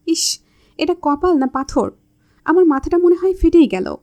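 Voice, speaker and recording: A woman voicing a feisty, shy young woman who is quick to anger, scolding and indignant. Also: high-pitched, warm tone, voice pushed up, natural voice.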